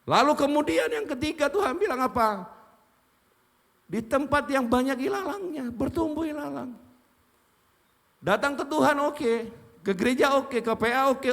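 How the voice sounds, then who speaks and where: A man preaching, his voice sitting high for a man. He drives his points home by firing questions and answering them himself. A long church reverb trails behind every phrase. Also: a bit bright. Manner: emphatic, asks and answers his own questions. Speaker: pastor. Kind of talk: sermon. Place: church sanctuary.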